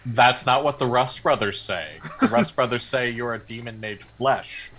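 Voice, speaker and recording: A man's voice: medium pitch, normal speed, fairly bright tone. A man talking as a player at a tabletop game, casual and joking, with wry, mock-formal wording.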